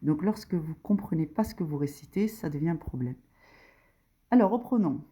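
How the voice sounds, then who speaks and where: A woman with a low, dark, slightly rough voice speaks at normal speed with lively intonation. She's a religious teacher giving an informal tutorial on a diagram, working through it step by step. She hesitates often, uses many fillers, and her voice rises to stress key points.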